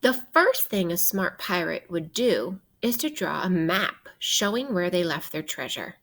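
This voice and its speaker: A female teacher gives an interactive read-aloud of a children's nonfiction book. Her voice is slightly raspy with animated pitch, and she reads expressively, guiding young listeners with questions and pauses.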